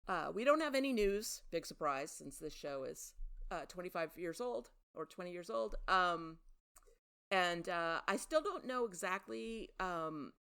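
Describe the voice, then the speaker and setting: A woman hosts a casual podcast, chatting through trivia in a loose, self-deprecating way. Her voice sits on the low side and stays relaxed. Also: a little slow, vocal fry, clear, resonant tone. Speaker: podcast host.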